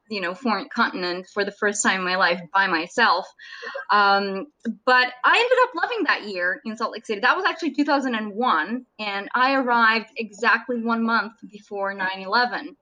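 A woman's voice: a little high, bright, forceful tone, rough recording. A woman in her thirties from Serbia, a native Serbian speaker, chatting as a surgeon guest in an interview and laughing often. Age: 30s. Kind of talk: casual interview chat.

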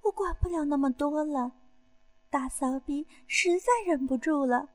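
Very high-voiced woman narrating an erotic story. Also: measured pace, no room sound. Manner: breathless moaning cries between lines.

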